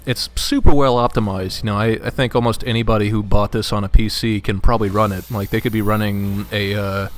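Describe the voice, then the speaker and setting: As a guest co-commentator, a man chats casually about games, joking and sharing anecdotes with hesitant phrasing. His lowish voice is fairly even in intonation, a little fast with few pauses, over faint background noise.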